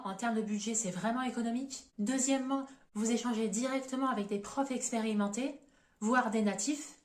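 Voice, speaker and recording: A woman giving a video lesson as an exam coach, methodically counting off advantages and drawbacks one by one. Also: fairly high pitch. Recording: echoey room.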